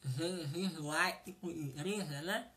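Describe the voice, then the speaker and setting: A woman's voice: deep voice, slow, a bit bright. A woman teaching sign language vocabulary, saying each word and repeating it, often checking whether the class has understood.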